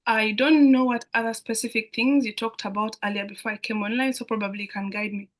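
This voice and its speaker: This young adult woman from Uganda talks fast in a fairly high voice with fairly even intonation. As an international student guest speaker in a live online Q&A, she explains things in her Ugandan accent, repeating phrases often.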